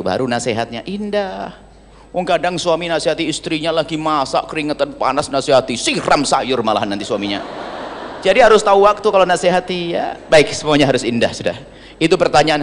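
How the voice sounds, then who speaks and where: A man preaching a sermon, humorous and animated, slipping into little acted asides. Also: mid-range voice, a little hiss or hum. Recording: long hall reverb.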